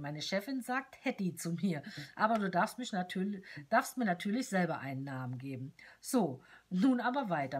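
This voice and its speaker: A tiny cheerful companion doll, voiced by a woman reading a letter aloud, bubbly and playful. Her pitch bounces lively up and down, and the voice has a husky edge.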